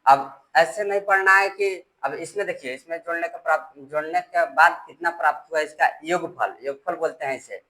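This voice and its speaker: Male math tutor, bright slightly high voice, patient and repetitive, spells out numbers digit by digit. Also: normal speed, hardly any pauses, low-quality recording. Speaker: math teacher. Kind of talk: step-by-step classroom explanation.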